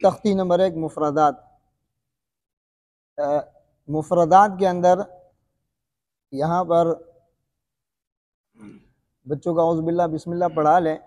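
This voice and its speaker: A high-voiced man with a dark tone teaches Quran recitation, quizzing the listener and drilling each letter sound aloud again and again. His voice carries a long, hall-like reverb.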